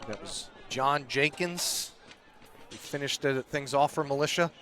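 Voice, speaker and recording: A man giving brisk play-by-play commentary at an outdoor paintball event, with easy laughs between calls. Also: medium pitch, lively intonation. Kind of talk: live sports commentary. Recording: outdoor mic with loud ambient noise.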